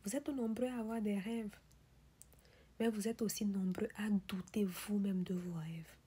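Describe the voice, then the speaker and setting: Female motivational speaker, very husky and whispery, mellow tone, insistent questions and refrains. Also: medium pitch, steady tone, unhurried. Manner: whispery, breathy delivery. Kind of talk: motivational speech.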